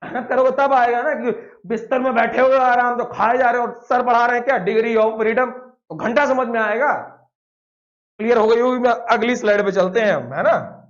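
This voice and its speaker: A man's voice: very high voice, fairly even intonation, normal speed, dull audio. A man teaching a classroom lecture, playful and blunt, always firing questions at his students.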